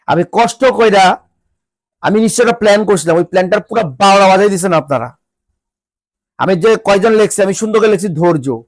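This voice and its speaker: A man's voice: high-pitched, fairly quick, pauses often, no echo. A Bangladeshi man vlogger with a congested, stuffy nose from a cold, giving an exasperated, scolding rant to his viewers with repeated rhetorical questions. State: sick with a cold, voice changed.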